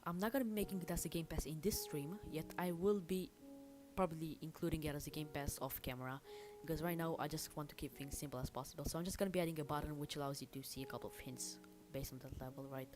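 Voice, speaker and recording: Low and fast, a woman's voice carries casual livestream chat while she works, amid background music and keyboard typing. As a hobby game developer, she thinks out loud informally and is self-deprecating.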